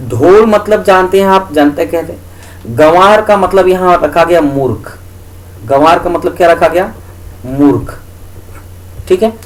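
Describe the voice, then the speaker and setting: High-voiced male teacher, repeats every point. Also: low-quality recording. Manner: asks the class questions and answers them himself; repeats key points, often adds a tag question. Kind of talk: exam-prep lesson.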